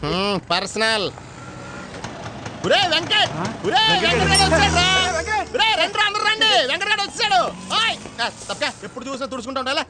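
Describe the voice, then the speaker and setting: A man's voice: high voice, racing, few pauses, a loud crowd, very noisy, close to an everyday voice. An actor playing a joking young man at a fuel station who mocks and chants at his friends. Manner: loud joking, mocking chants. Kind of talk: film comedy dialogue.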